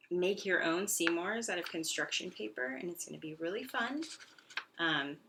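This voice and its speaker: With a fairly low, slightly bright voice, a woman reads aloud to young pupils as their elementary school teacher, keeping her language simple and peppering the lesson with questions in an encouraging, instructional way. Clicks and noise run through the recording.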